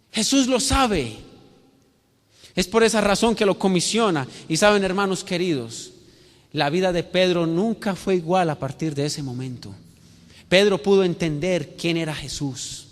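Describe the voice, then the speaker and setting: A man preaching a sermon with passion, dropping to a hush and then rising to emphatic peaks. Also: high-pitched, in a large hall. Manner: impassioned, swings from hushed to rising emphatic.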